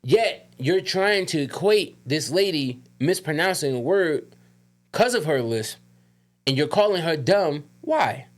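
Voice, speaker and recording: A podcast co-host rants emphatically during a casual, heated chat, swearing freely and speaking with a slight lisp. His voice is on the high side with lively intonation, delivered at a measured pace.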